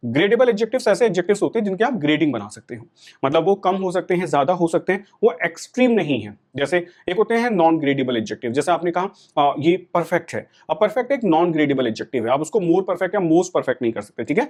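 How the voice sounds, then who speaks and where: A middle-aged Indian man teaches a class with a lively, swooping voice that sits a little high. He explains patiently and keeps pausing to check that the students follow. His tone is that of a classroom lecture.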